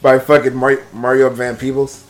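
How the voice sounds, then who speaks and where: A man in his thirties co-hosting a podcast, relaxed and joking, with casual swearing. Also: medium pitch, moderate pace, faint music behind. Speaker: podcast co-host. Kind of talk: casual movie chat.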